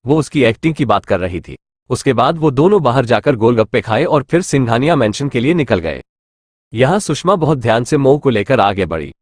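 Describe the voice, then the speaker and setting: A man's voice: medium pitch, no room sound. A man narrating an audio novel in scripted storytelling, close to a dry mic. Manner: storytelling, expressive.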